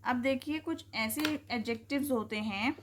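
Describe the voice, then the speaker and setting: A woman's voice: high voice, background noise. A woman teaching grammar, asking questions and answering them herself. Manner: explains slowly, asking and answering her own questions. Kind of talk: classroom-style lesson.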